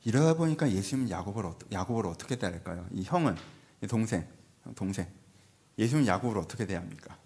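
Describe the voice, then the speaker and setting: A man preaching a Sunday sermon in a church, conversational and animated, slipping into playful voiced asides. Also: lowish voice, fast. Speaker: pastor. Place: church sanctuary.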